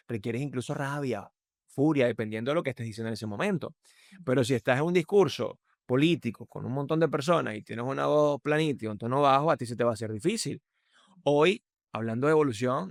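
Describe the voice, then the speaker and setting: Venezuelan man with a dry, close sound. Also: no echo. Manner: emphatic, varies his pitch and loudness to demonstrate. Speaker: podcast guest, voice and communication speaker. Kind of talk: conversational explanation.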